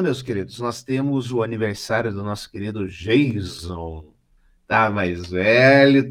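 A man's voice: mid-range voice, a bit bright. A man with a Brazilian accent hosting a casual comedy podcast, sarcastic and fond of spinning made-up scenarios. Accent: Brazilian Portuguese. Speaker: podcast host.

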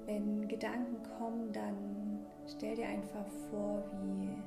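Female meditation guide, soft spa-like half-whisper with a creaky edge, slow and soothing, ambient music underneath. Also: mid-range voice, monotone. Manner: gentle, unhurried, soothing delivery with long pauses. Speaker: meditation guide and podcast host. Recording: roomy echo, ambient music bed. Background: slow ambient new-age music.

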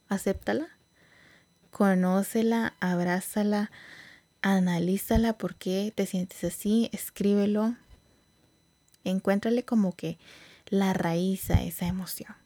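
A woman hosting a podcast, speaking in a casual, reflective way with many fillers and some soft whispered asides. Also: medium pitch, dry recording. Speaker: podcast host.

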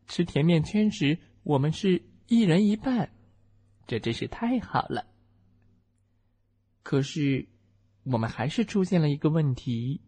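A woman reads a children's picture book slowly and playfully. Her voice is soft and breathy, and it rises and falls widely as she takes on the different animals. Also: fairly low pitch. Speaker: storyteller. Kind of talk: children's story reading.

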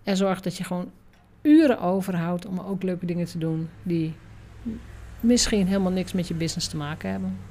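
A woman's voice: on the low side, normal speed, dark tone. A middle-aged woman hosting a solo business podcast, coaching listeners in a direct, emphatic, exhorting way.

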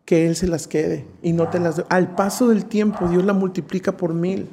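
A man's voice: sits high, normal speed, gravelly, a little hiss or hum. A man, a preacher telling a personal testimony in an interview, acting out the voices he quotes. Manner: lively storyteller who acts out quoted voices. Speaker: preacher, guest.

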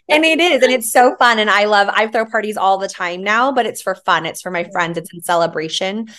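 A woman in her thirties, guest on a podcast, talking in a chatty, animated way with lots of fillers and frequent laughs. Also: medium pitch, normal speed. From Hawaii, raised later in Arizona. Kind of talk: casual conversational interview.

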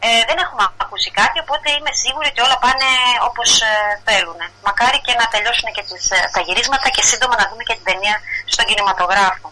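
A woman's voice: on the high side, few pauses, sharp tone, poor audio. A woman from Greece reporting culture news as a correspondent in a casual radio chat, chatty and full of fillers and restarts.

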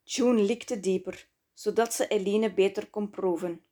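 A woman reading her own book aloud in slow, measured, intimate scripted narration. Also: medium pitch, fairly even intonation, dark tone. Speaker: author and narrator.

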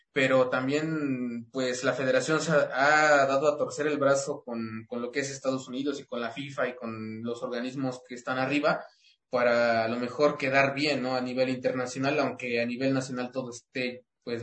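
A man's voice: mid-range voice, fairly even intonation, normal speed, fairly bright tone. Rambling Mexican man in an echoey room. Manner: rambling, many restarts and fillers. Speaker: sports show co-host. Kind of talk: casual football talk.

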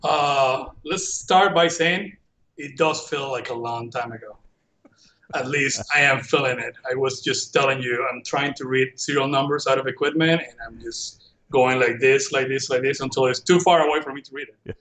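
A Venezuelan man in his forties speaks English with a Venezuelan Spanish accent, telling his story as a guest in relaxed, self-deprecating casual conversation. His voice is medium-pitched at a normal speed.

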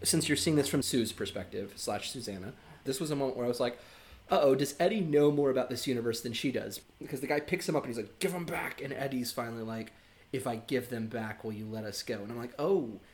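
A man's voice: medium pitch, fast, a little mellow. A man co-hosting a podcast, talking a book over in a casual, thoughtful way, with lots of "like" and "you know". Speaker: podcast co-host.

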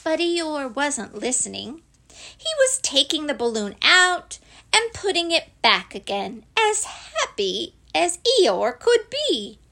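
A woman reading a storybook aloud in a gentle, expressive way. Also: high-pitched, takes it slowly, gravelly.

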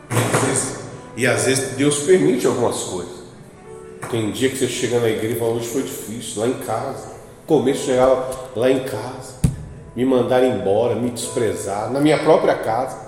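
A man preaching with a Brazilian Portuguese accent, acting out little dialogues in different voices and calling for amens from the congregation. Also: mid-range voice. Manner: lively, acts out dialogues in changing voices, calls out for amens. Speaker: pastor. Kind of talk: preaching a sermon. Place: church hall. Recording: echoey hall, distant mic, music behind.

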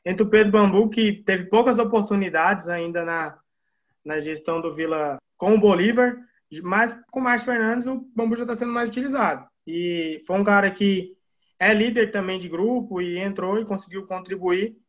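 A man's voice: high voice, moderate pace. A Brazilian man hosting a casual football discussion, analysing a match and passing questions to co-hosts. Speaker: football podcast host.

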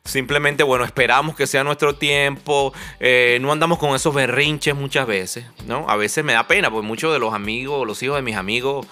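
A man's voice: medium pitch, normal speed, few pauses, sharp tone. A man giving a humorous, casual monologue, talking in a conversational, joking way with plenty of asides.

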